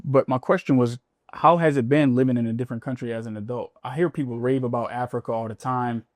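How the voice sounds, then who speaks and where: A man's voice: mid-range voice, fairly even intonation, fast, darkish tone, no room sound. A man with a mid-range voice hosts a podcast casually, asks curious questions and often answers "dope" or "right". The sound is dry and close, with no room around it. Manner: friendly and curious, asks questions and agrees a lot. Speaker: podcast host. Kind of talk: casual interview.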